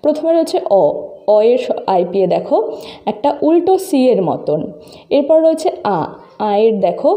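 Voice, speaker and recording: A woman's voice: a little high, dark tone. A woman teacher patiently walking her students through a lesson step by step, speaking to them directly. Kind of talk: screen-recorded lesson explaining phonetic symbols.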